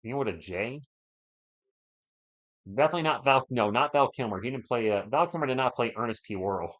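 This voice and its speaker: Brisk and expressive, the man's mid-range voice carries casual live play-by-play of a basketball game even as his sore throat costs him his voice. He chats with viewers, reading and answering their comments between plays, and the stream audio sounds dull and lo-fi.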